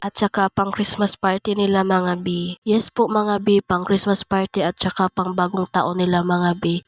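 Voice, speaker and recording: A woman narrating her vlog in a casual voice-over while sick with a cough and cold, chatting along in a friendly way. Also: medium pitch. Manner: chatty, says "mga bi" constantly. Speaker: vlogger. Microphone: phone.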